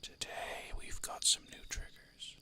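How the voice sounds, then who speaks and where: A man whispering casual, chatty ASMR into a close microphone, breathy and soft, with self-amused asides. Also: a little slow. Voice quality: breathy whisper with creaky edges. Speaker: ASMR artist and host. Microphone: close microphone through an audio interface.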